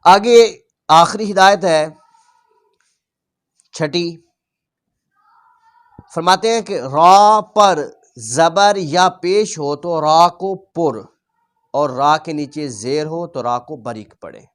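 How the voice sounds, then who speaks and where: A male Quran teacher explaining a reading lesson patiently, repeating each rule and sounding out letters slowly. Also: a little high, fairly bright tone, smooth.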